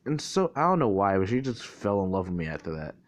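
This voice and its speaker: A man's voice: fairly low pitch, very animated, fast talker. A man casually retelling a fan-made crossover story, rambling with lots of filler words and swearing, his mouth getting dry.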